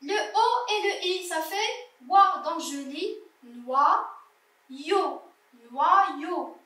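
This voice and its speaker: A woman's voice: very high-pitched, animated, slow pace, fairly bright tone. A woman teaching a primary school French reading lesson, patiently sounding out words syllable by syllable for young children. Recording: echoey room, voice from a distance.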